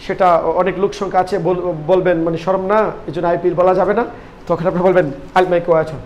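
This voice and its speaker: A man's voice: sits high, little pitch movement, moderate pace, a little mellow, dull audio, slight background noise. A man with a Bangladeshi accent teaching a spoken English lesson, repeating phrases and asking and answering his own questions.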